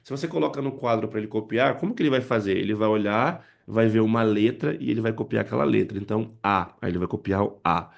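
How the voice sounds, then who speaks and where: A man's voice: on the low side, fast, gravelly, few pauses. A man teaching how to use poems in English lessons, explaining step by step and checking in with his listeners. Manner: explanatory, frequent "né" and "tá" check-ins. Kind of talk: spoken lesson to parents and teachers.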